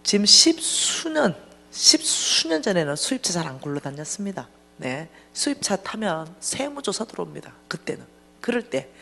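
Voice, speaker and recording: A woman giving a lively, humorous testimony sermon in a church, acting out dialogue as she tells the story. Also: fairly low pitch, gravelly. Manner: animated storytelling, acting out dialogue, bursts of laughter. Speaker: church finance lecturer.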